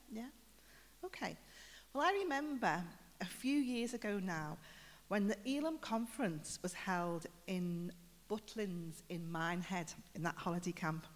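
A woman preaching a conversational sermon, telling stories and putting questions to the congregation. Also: medium pitch. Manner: chatty storytelling with questions to the congregation. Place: church building. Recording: reverberant church hall.

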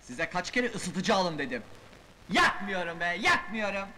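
A gruff, quick-tempered janitor. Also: male voice, high voice, big pitch swings, full character voice, poor audio. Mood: angry, shouting. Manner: gruff, talks back loudly. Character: grumbling young working-class man, quick-tempered. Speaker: building janitor. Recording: 1980s film soundtrack with faint hiss.

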